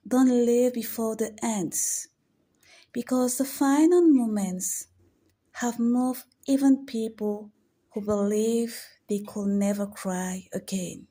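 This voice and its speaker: A woman telling an emotional story in scripted narration, soft, solemn and often half-whispered. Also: on the high side, slow, breathy edge.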